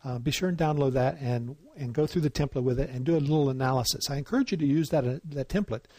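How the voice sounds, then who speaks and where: A man of middle pitch leads a writing workshop in a loose, conversational way. He fills his pauses with frequent ums and uhs. The recording is dry and close, with no room sound. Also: no echo. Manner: relaxed and chatty, often pausing with um and uh. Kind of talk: casual online teaching.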